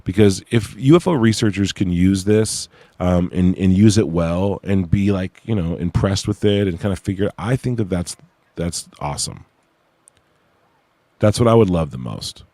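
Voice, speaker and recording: A low-pitched man whose s sounds whistle speaks at a moderate pace with a dark tone and no echo. Hosting a livestream about his own research project, he chats informally and hesitantly in slangy language while reading case notes aloud.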